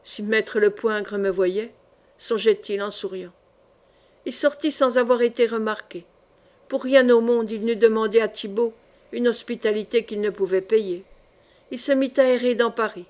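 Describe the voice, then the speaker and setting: A woman reading a historical novel aloud as an audiobook narrator, in a measured, expressive manner. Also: fairly high pitch. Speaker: audiobook reader.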